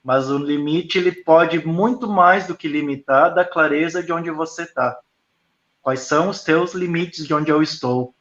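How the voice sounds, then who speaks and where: A man, a school founder, answering interview questions in a reflective, explanatory way with frequent pauses. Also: fairly high pitch, fairly bright tone. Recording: echoey, dull lo-fi video call audio.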